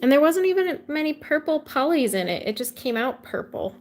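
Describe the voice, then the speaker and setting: Brief: woman, thirties, relaxed chatty stream host, voice a touch high. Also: a little fast. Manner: chatty, reads out and answers viewer comments with light laughs. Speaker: livestream host coloring with viewers. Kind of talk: casual chat while coloring.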